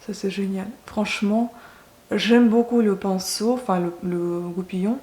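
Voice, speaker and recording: A woman's voice: mid-range voice, steady tone, unhurried, mellow. A woman in chatting casually as she does her makeup, often hesitating and correcting herself. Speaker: beauty vlogger. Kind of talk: casual makeup chat to camera. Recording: roomy echo, faint background noise.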